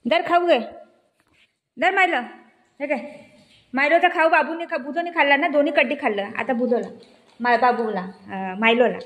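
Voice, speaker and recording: A woman filming her pets at home, coaxing them in high baby-talk while explaining to viewers. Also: moderate pace, long pauses, a bit bright. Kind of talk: casual home video chat.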